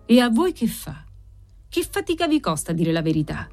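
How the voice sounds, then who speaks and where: A woman's voice: a little high, very animated, moderate pace, a little mellow, faint music behind, voice pushed up. A woman reading aloud voices a lottery-shop keeper who coaxes in a falsely soothing way. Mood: coaxing.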